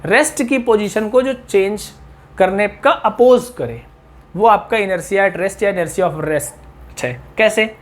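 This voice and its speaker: A man's voice: high-pitched, slow pace. A middle-aged man lecturing a class on physics, chatty and full of questions to his students. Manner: chatty, mixes English terms into explanations, asks the class questions. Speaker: physics teacher.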